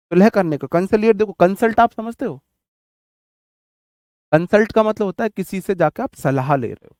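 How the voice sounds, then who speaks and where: A man's voice: fairly high pitch, darkish tone, clear, resonant tone, dry recording, clean studio sound. A man teaching vocabulary for exam prep in a casual, jokey way, mixing in memory tricks and stories from his childhood. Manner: chatty, jokey, tells childhood anecdotes.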